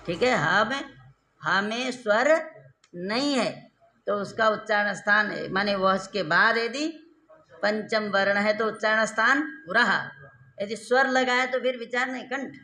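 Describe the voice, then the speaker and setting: A man teaching Sanskrit grammar in a classroom lecture, repeating terms and quizzing his students with rhetorical questions, slowing down and drawing out key syllables. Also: high-pitched, bright, forceful tone. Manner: slow, drawn-out stressed syllables when explaining.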